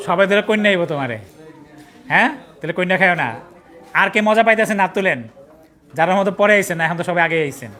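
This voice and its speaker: Quick-paced and sharp in tone, this high-voiced man with a Bangladeshi accent lectures a pathology class as its trainer. He tests students, spells out terms one letter at a time, and jokes colloquially while scolding and teasing those who arrive late.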